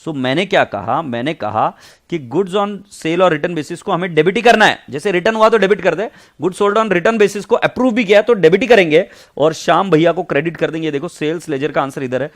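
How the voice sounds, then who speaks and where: A man with an Indian accent teaching an accounting class online. He mixes Hindi and English, reads textbook lines out slowly and calls his students "beta". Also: a little high. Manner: addresses students as beta, chatty asides.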